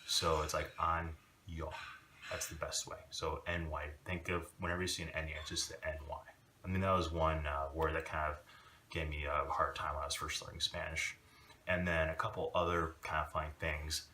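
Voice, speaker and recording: A man giving a casual video lesson, talking in a relaxed, rambling way with many fillers. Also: rumbling low, a little fast, distant mic. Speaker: language teacher.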